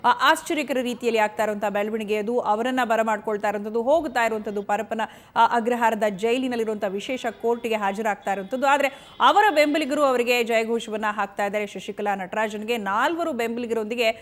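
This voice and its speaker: A woman's voice: on the high side, fairly quick. A woman news anchor with a Kannada accent giving live breaking-news commentary, repeating updates urgently with frequent fillers.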